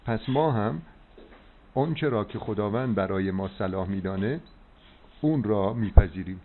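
A man's voice: fairly low pitch, expressive, heavy background noise. Man preaching over a tinny phone line. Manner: preachy, insistent, rhetorical checks. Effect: heard over a landline phone line. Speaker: doctor giving phone advice. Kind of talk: phone consultation.

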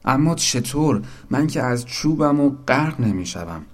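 A man voicing a small, naive wooden boat in a storybook, full of excited, eager questions. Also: fairly low pitch, natural voice. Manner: excited, breathless questions, shouting. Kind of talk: storybook narration.

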